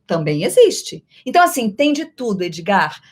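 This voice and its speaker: A woman's voice: medium pitch, very animated, moderate pace. Playful Brazilian woman chatting on a live stream. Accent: Brazilian Portuguese. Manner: playful, often shifts loudness and speed. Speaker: voice actress answering viewer questions.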